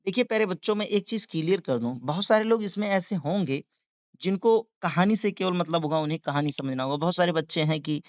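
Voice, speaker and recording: Man, reading teacher, spells out words, lively rising and falling tone, dull dry recording. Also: sits high, fairly quick, dry recording. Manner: spells words letter by letter, then translates; patient, repetitive drilling. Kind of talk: beginner reading lesson.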